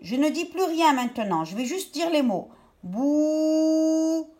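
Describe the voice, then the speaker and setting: A woman teacher talking young pupils through a worksheet step by step, stretching out each word slowly. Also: sits high, big pitch swings, a little mellow. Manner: slow, step-by-step, drawn-out words for young pupils. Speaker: primary school teacher. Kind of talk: remote lesson explaining a worksheet.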